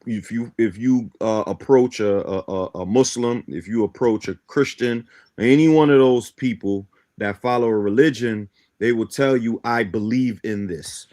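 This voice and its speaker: Guyanese-born and Brooklyn-raised, this man is a talk show guest teaching a belief system. His voice is medium-pitched with a darkish tone at a moderate pace, and he lectures didactically, frequently asking "right?".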